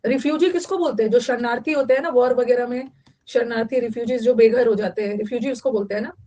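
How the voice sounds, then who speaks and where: Lady teacher, fairly high voice, mixes hindi in, keeps repeating words and asking the class. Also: quick pace, dark tone, low-quality recording. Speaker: English vocabulary teacher. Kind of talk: online class lecture.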